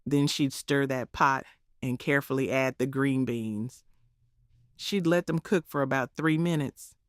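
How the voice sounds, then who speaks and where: A woman's voice: very deep voice, steady tone, a little slow, no room sound, studio quality. A woman with a Southern US accent narrating in a homespun, preachy storytelling manner, as if passing on cooking wisdom from a script. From southern United States.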